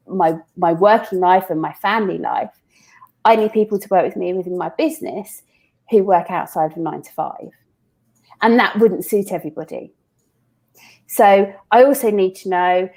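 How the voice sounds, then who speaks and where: A woman's voice: mid-range voice, darkish tone. A woman being interviewed on a podcast, chatting casually and explaining with everyday examples, often restarting her sentences. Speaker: recruitment founder, interview guest.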